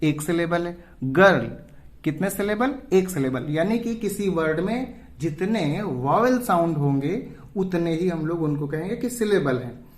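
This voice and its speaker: A man's voice: a little high, expressive. Man teaching, answering his own questions. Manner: asks questions and answers them himself; slow, drawn-out example words. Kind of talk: exam-prep lesson.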